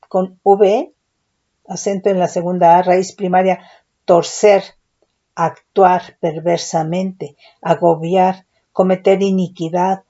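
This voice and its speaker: A woman's voice: fairly low pitch, warm tone. A woman preacher teaching from the Bible, reading verses and word meanings aloud and checking in with her listeners. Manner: slow, deliberate, checks in with "¿sí?"; reads scripture and word lists aloud. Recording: dull lo-fi recording.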